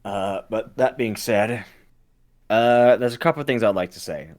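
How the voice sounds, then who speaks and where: A hurried male mercenary in a tabletop game , played by a man, talking fast and businesslike as if he has no time to spare. His voice sits on the low side and stays quiet. He gets straight to the point. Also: close to an everyday voice. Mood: brisk.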